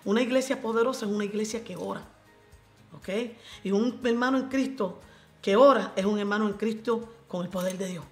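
A Puerto Rican woman giving a lively faith testimony as a radio guest, acting out the voices in her story and slipping into English. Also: mid-range voice, brisk, roomy sound, soft background music. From Puerto Rico. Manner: animated storyteller, acts out quoted voices, mixes in English.

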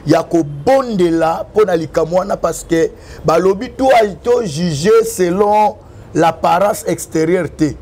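Recorded on a lapel mic on a covered terrace with a tiled wall, this young prophet from the Democratic Republic of Congo preaches with fervor in an interview. His French carries a Congolese accent and is laced with Lingala, sometimes drifting into half-song. His voice is high and darkish, and he keeps a measured pace.

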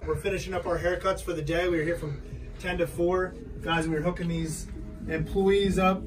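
A young barber makes his sales pitch for bookings, filling gaps with casual fillers, in a fairly high voice. He sits a little away from the phone mic, and music plays in the background. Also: flat delivery, moderate pace, recorded from a distance, rough recording. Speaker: barber and shop co-host. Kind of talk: promotional vlog chat. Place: inside a barber bus.

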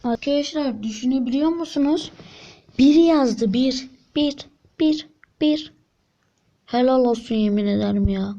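A woman giving excited gameplay commentary, getting frustrated, counting rolls aloud and swinging between whispers and shrieks. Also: high voice, a little slow. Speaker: gaming video creator. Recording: dull lo-fi sound.

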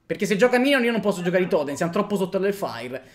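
A young man in his twenties with an emphatic, excitable delivery, swearing as he comments live on a game with friends. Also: high voice, very fast. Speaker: streamer playing a card game. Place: indoor room.

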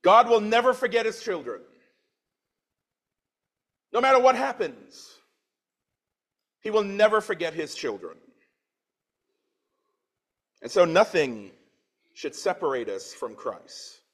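A man's voice: high voice, big pitch swings, slow pace, pauses often, a bit bright. A man in his forties from Trinidad, preaching a sermon in church, reading scripture with swelling emphasis and dropping into plain conversational asides. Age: 40s.

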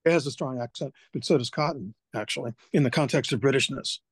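Fast-talking husky man on a call. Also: mid-range voice, no room sound. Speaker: discussion participant. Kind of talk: question from a participant on a video call. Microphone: video call.

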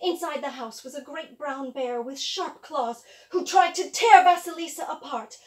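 A woman voicing a fierce, hungry old witch who chants loud threats. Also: high-pitched, normal speed, far from the mic, lightly acted. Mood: commanding.

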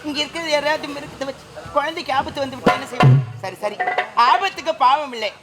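A woman's voice: sits high, expressive, quick pace, loud music behind the voice. A woman playing a tender, tearful young bride-to-be in an open-air folk stage drama, with an emotional, pleading delivery.

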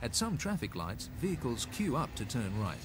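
Speaking with an Australian accent, a man narrates a scripted road safety film from the 1980s, folksy yet instructive. His medium-pitched voice is very animated at a moderate pace, with background noise present.

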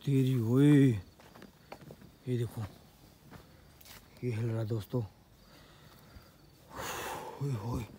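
A man filming a night ghost-hunting vlog outdoors on a handheld camera, jumping from startled loud cries to hushed whispers. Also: mid-range voice, flat delivery, slow pace, pauses often, slight background noise. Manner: jumpy, exclaims often, switches between loud cries and hushed whispers. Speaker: paranormal vlogger.

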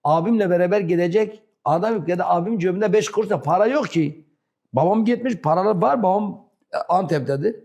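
Guy w southeastern turkish accent, broken turkish, halting storyteller, slightly high mellow voice. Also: gravelly. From rural southeastern Turkey. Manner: broken, non-fluent Turkish. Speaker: interview guest. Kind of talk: animated personal storytelling.

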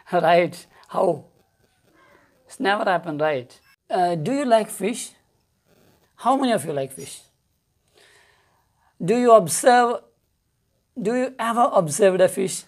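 A woman with a Malayali accent teaching an online primary school lesson, asking questions and praising answers. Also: medium pitch. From India. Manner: slow, coaxing, asks children questions and praises answers.

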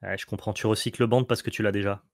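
A man co-hosting casual gameplay commentary, quick and excitable as he coaches his partner through each turn. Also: lowish voice, vocal fry, dry recording, studio quality. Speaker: co-host advising the player.

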